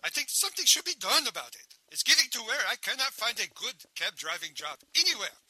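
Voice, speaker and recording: A man's voice: very high voice, big pitch swings, quick pace, bright, forceful tone, husky, no echo, heavily acted, rough recording. An actor playing a complaining male caller who puts on a fake Indian accent in a comedy radio sketch. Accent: put-on Indian accent. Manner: complaining, overplayed.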